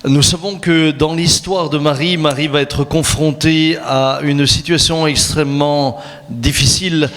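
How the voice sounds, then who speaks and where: Male pastor, fairly high voice, earnest phrase-by-phrase sermon, echoey hall PA. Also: fairly even intonation, measured pace, fairly bright tone. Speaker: pastor preaching at a church conference. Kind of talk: sermon delivered in short phrases for consecutive interpreting. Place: large reverberant hall, through sound system. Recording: echoey hall with long reverb, PA sound.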